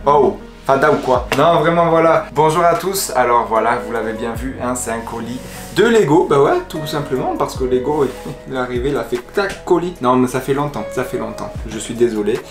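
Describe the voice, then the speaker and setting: A man vlogging as he unboxes a parcel, excitable and rambling, with plenty of fillers and quick laughs. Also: medium pitch. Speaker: YouTuber. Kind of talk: casual unboxing vlog. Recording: echoey room with music playing.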